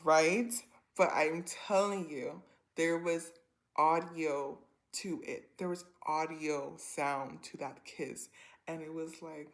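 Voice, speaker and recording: A woman's voice: low-pitched, slow pace. Rambling young woman telling a storytime. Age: 20s. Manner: rambling, animated, lots of filler and slang. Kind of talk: casual storytime vlog.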